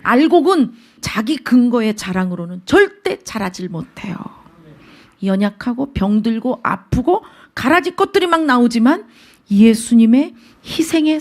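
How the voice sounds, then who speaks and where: A woman's voice: fairly high pitch, very animated, normal speed. Female pastor whispering then declaring. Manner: swings between loud emphatic phrases and hushed whispers; reads scripture aloud and explains it. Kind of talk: sermon.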